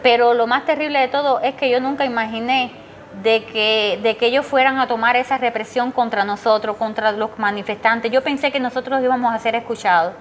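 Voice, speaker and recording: A middle-aged woman with a Cuban accent gives a personal testimony in long, emotional runs, her voice sitting a little high. She quotes her son in a raised pitch as she tells what happened. A faint steady noise runs under the recording. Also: fairly quick. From Cuba. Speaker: interviewee, mother of a jailed protester.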